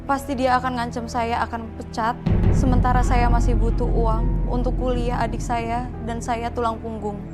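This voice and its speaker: A woman's voice: a little high, little pitch movement, normal speed. A woman giving confessional answers as an aggrieved employee, speaking in a blunt, accusing way. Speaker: employee airing a grievance. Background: loud music.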